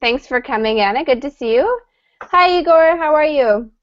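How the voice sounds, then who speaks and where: Friendly higher-voiced woman teacher, greets everyone, kinda dull call audio. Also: animated, normal speed. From Canada. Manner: friendly, welcoming, laughs often. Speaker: English teacher. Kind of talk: online class greetings. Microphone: computer mic on video call.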